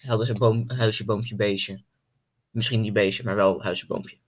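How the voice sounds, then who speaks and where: A man's voice: on the low side, steady tone, unhurried, a little hiss or hum. Slangy young man. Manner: loose, slangy, repeats himself. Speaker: podcast co-host. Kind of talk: casual chat.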